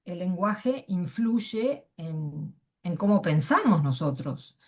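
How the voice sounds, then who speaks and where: A woman's voice: on the low side, big pitch swings, slow. A middle-aged woman from Argentina with an Argentine Spanish accent, sharing personal views at a panel in a hesitant way, with many fillers and restarts. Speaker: panel speaker. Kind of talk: casual personal testimony.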